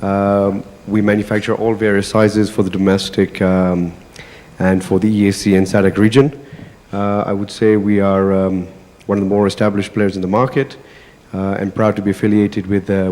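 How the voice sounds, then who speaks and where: A man introduces his firm on a conference panel in a businesslike manner. His low voice stays flat and even, and a large hall's long reverb follows it. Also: normal speed. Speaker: panelist, manufacturing company director. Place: large indoor conference hall. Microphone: handheld microphone.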